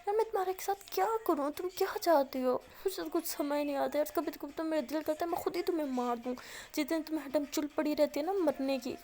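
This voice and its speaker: A woman voicing a young woman who is emotional and scolds her love, her voice rising in pitch. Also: fast talker, mellow, close to an everyday voice. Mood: scolding.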